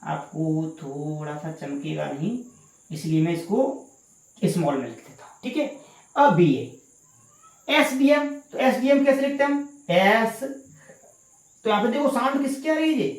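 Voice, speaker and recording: A woman's voice: medium pitch, lively intonation, unhurried, long pauses, a little mellow. A woman teaching English grammar in an online lesson, asking questions and answering them herself and repeating key words. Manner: addresses students as "guys". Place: indoor room with a power cut. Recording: echoey room.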